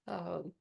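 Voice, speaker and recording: A woman of medium pitch and raspy tone instructs a gentle movement and meditation class. Soft and unhurried, her guidance includes frequent fillers.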